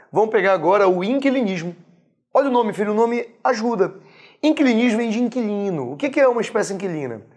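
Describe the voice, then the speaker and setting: A man with a Brazilian Portuguese accent teaching a recorded exam-prep biology lesson. He talks in a chatty way, keeps checking that the class follows him, and slows down to stress key terms. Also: high voice. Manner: chatty, keeps checking the class understands, calls students "son".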